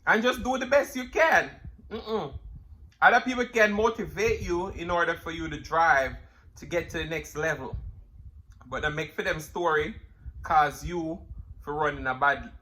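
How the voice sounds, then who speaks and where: A man's voice: a little high, moderate pace, sharp tone, poor audio. A man with a Jamaican accent giving emphatic, casual motivational talk to viewers, repeating phrases and murmuring as he eats crunchy fried chicken. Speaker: mukbang vlogger.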